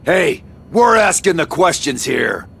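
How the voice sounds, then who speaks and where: A man voicing a gruff, impatient middle-aged bounty hunter in a hammy anime dub, with a growling delivery. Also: fairly high pitch, a little slow, sharp tone, heavily acted. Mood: threatening, impatient. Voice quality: gravelly, growling.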